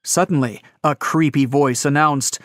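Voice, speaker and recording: A man narrating riddle stories in a scripted, lively storytelling way. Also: on the high side, measured pace, no room sound, studio quality.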